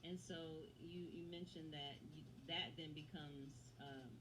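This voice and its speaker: A woman hosting an interview, listening closely and asking questions with steady affirmations. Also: deep voice, a little slow, noisy background. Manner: attentive, frequent affirmations. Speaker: host.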